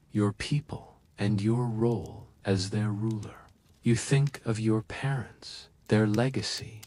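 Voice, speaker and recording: A man narrating a soothing bedtime story in a soft, calm, hushed way. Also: lowish voice.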